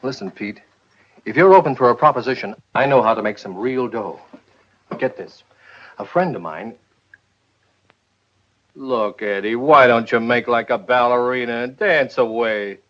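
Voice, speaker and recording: An actor playing a slick, fast-talking schemer pitching a deal to a friend, in 1950s film acting. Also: male voice, a bit bright, close to an everyday voice. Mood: persuasive. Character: slick con-man friend, pushy. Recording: dull old film soundtrack with music.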